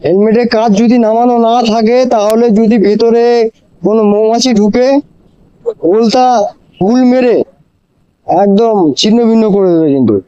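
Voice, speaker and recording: A motorcycle vlogger chats casually to viewers from inside his helmet, explaining and advising with repeated phrases. His high-sitting voice is mellow and smooth at a moderate pace with frequent pauses. The moto vlogging helmet mic leaves no room sound and cuts off the highs.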